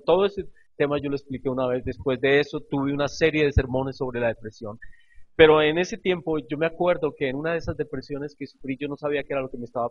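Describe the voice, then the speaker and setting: A man preaches a sermon, telling his stories expressively and repeating his phrases for emphasis. His voice sits at a middle pitch. The recording is slightly muffled. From Colombia. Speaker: pastor.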